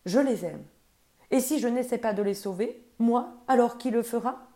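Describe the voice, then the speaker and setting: A woman's voice: a little high, normal speed, warm tone, close to an everyday voice. A woman voicing a brave, loyal little male parrot who speaks earnestly and with determination in a storybook reading.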